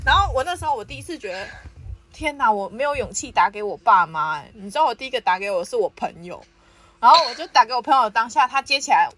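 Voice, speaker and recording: Young woman, a bit high-pitched, a podcast host telling her own story in casual chat with frequent laughs. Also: a little fast. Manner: lively, laughs often while telling the story.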